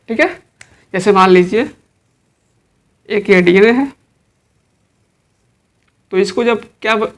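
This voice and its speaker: Woman biology teacher doing exam prep, asks a question then answers it herself, repeats everything twice. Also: medium pitch. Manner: drills with rhetorical questions, repeats each answer.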